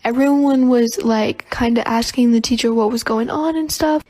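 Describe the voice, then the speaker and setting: A young woman telling a school story in a steady, matter-of-fact way. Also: fairly high pitch, moderate pace, poor audio. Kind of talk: casual storytime.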